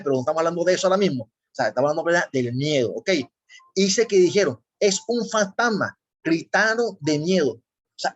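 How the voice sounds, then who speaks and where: A man preaching a sermon, often pausing to ask his listeners rhetorical questions. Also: a little high. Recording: slightly dull lo-fi recording.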